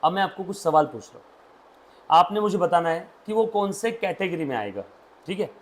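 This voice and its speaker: A man's voice: high voice, animated, fairly quick. A man, teaching accountancy to a classroom and drilling students with questions. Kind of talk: classroom lecture.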